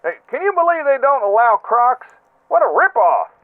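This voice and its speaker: A man's voice: very high-pitched, very animated, moderate pace. A man putting on a goofy, oversharing male caller who rambles cheerfully in a voicemail left over a phone line. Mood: rambling. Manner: rambling, chummy, self-important. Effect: heard over a phone line as a voicemail message. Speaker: recurring comic caller. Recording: tinny, dry phone line.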